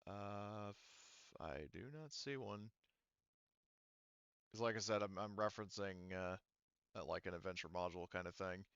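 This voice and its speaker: Groping for words, a game master improvises scene descriptions in a tabletop roleplaying session, his delivery halting. He has a low, clean, smooth voice with a fairly bright tone. The audio is close-miked and dry, slightly dull, with no room sound.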